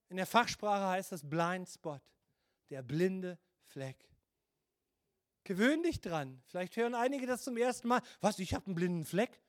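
Older male pastor with a very high voice, emphatic sermon delivery. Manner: emphatic preaching, rhetorical questions, varied pitch and volume.

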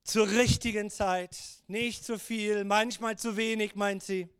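A man in his fifties preaching a sermon, telling stories in a lively, conversational way. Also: sits high, a little slow, clear, resonant tone, no echo, clean studio sound.

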